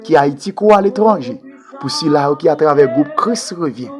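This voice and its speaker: A Haitian prayer leader whose first language is Haitian Creole prays fervently, pleading and repeating himself in a swooping delivery. His mid-range voice is expressive at normal speed, with music playing beneath.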